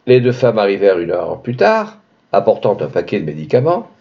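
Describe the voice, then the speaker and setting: Husky-voiced man reading a tale dramatically. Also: wildly swooping pitch, fairly quick, mellow, highs cut off. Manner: dramatic, shifting pitch for emphasis. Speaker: storyteller reading a classic tale. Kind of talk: expressive literary reading.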